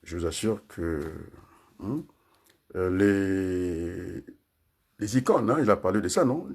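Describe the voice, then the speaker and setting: A man's voice: sits low, animated, slow pace, darkish tone. An older man from Congo giving a rambling political talk, often tagging his points with questions to the room. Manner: rambling, frequent tag questions and fillers. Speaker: political commentator.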